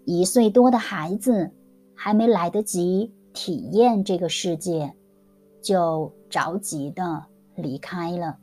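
A woman teacher narrating a scripted story for language learners, enunciating every word very carefully and deliberately. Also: on the low side, mellow, faint music behind. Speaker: Mandarin teacher.

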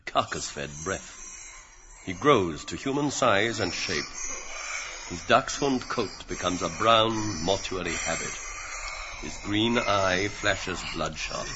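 A man with a very low, deep voice reads a novel aloud in a measured, dramatic way. The recording is dull and lo-fi, with a faint hiss of noise under it. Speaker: narrator. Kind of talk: audiobook reading of a novel.

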